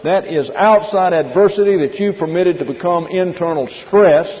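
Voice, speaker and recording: An older man preaching as a pastor in a didactic, measured, emphatic way, his speech slurred by slipping dentures. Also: high voice. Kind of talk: expository Bible-teaching sermon. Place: large reverberant hall. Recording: muffled hall recording, long reverb, hiss.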